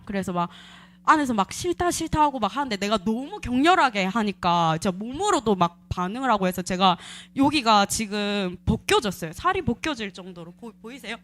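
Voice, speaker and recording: A young adult woman sharing a personal testimony at a church service, telling her story in an animated way with lots of fillers. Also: medium pitch. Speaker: church member giving testimony.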